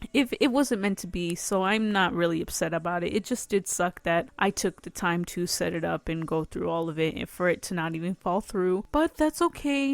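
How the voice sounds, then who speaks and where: A woman's voice: lowish voice, no echo. A tired woman hosting a solo podcast from her room, chatting casually and rambling with frequent laughs. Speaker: podcast host.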